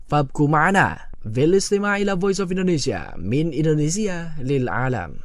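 A man hosts a scripted radio program with very lively pitch movement. His voice is a little high for a man, recorded dry and close in a studio. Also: no room sound.

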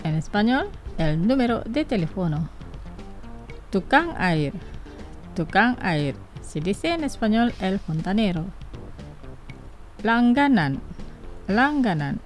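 Slow, lively-pitched woman teaching on radio. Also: soft background music. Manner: slow and deliberate, says each word twice. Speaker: radio language lesson host. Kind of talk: radio language lesson.

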